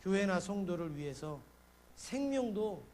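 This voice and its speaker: A middle-aged man preaching a sermon as a pastor, telling stories and acting out his panic in sudden loud bursts. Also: high voice, sing-song, measured pace. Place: church sanctuary.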